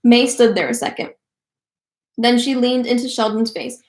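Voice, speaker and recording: A woman's voice: a little high, moderate pace. Woman reading a children's book aloud. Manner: lively storytelling. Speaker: book club reader. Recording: roomy echo.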